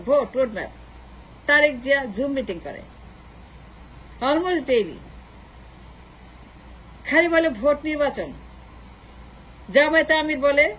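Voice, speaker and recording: A woman's voice: high-pitched, fairly bright tone, a little hiss or hum, rough recording. A woman giving a political opinion monologue, insistent and repetitive, slipping English phrases into her talk. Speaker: political commentator.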